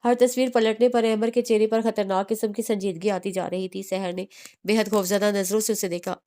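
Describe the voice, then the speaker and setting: A woman's voice: medium pitch, level tone, brisk, dark tone. A woman narrating a romance novel as an audiobook, reading steadily with small restarts.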